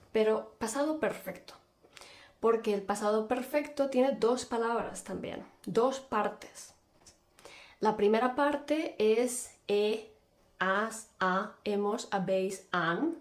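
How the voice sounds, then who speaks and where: A woman gives a grammar lesson in an unhurried, deliberate way. Her voice sits a little high, and she repeats each example slowly so it can be followed. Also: darkish tone. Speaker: Spanish teacher. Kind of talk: slow, clear language lesson.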